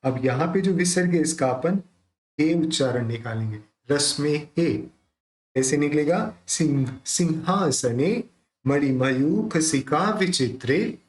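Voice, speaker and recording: A man teaching careful pronunciation of a devotional hymn, chanting verses slowly between quick explanations. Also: a little high, animated, darkish tone, low-quality recording. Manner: slow deliberate chanting alternating with quick explanations. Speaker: recitation teacher.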